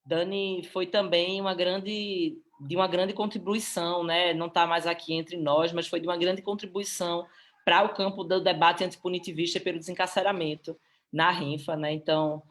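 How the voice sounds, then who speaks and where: A Brazilian woman presenting a publication on a live stream, speaking in a heartfelt, emotional way. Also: fairly low pitch. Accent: Brazilian Portuguese.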